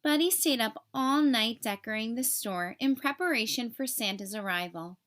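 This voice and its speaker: A woman reads a children's story aloud. Her voice is bright and sits a little high. She phrases each sentence clearly and expressively, in the manner of scripted read-aloud narration. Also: normal speed. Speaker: storybook reader.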